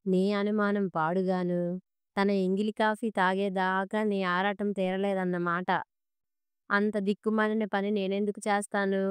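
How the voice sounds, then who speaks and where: Sarcastic quarrelsome wife, read by a woman, cutting tone, very clear voice, dry close sound. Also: medium pitch, no echo, close to an everyday voice. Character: sharp-tongued quarrelsome middle-aged wife.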